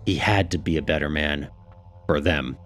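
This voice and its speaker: A man narrating a novel in an audiobook, in a steady, measured way. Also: rumbling low. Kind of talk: scripted narration. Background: faint music.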